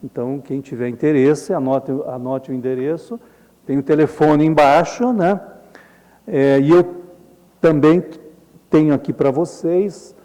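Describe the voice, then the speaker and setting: A Brazilian Jungian analyst gives an informal lecture with slides at a symposium, speaking in a hall. His voice is fairly high with a dark tone, and he talks slowly and conversationally, using frequent tag questions and chuckling often.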